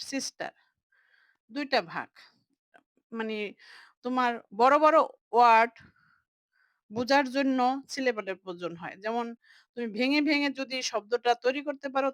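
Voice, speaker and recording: A young woman teaching a lesson, slowly explaining and repeating words as she breaks them into parts. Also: on the high side, a bit bright, no echo, low-quality recording.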